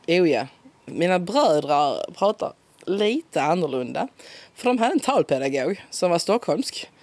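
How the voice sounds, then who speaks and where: A woman with a broad Scanian accent chatting in a relaxed interview, talkative and quick to laugh. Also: lowish voice, no echo. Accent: broad Scanian Swedish. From Skåne, southern Sweden. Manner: chatty, laughs often, lively. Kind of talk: casual conversational interview.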